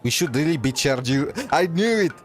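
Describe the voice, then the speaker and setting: A woman's voice: sits low, animated, moderate pace. A woman game streamer casually reacting and chatting aloud with fillers. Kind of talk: casual gameplay commentary. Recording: voice over loud game music.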